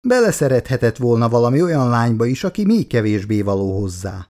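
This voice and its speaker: A man's voice: mid-range voice, big pitch swings, a little mellow, natural voice. Man voicing a fretful affectionate middle-aged wife. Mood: fretful chatter. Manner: chatty, anxious, coaxing.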